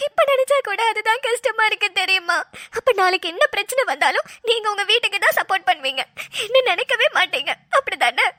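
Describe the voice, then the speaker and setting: A woman's voice: very high voice, animated, fairly quick, sharp tone, no echo, studio quality, full character voice. A woman voicing a tearful young bride. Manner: tearful pleading complaints. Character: young newlywed wife, emotional and hurt. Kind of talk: Tamil cartoon drama voice acting.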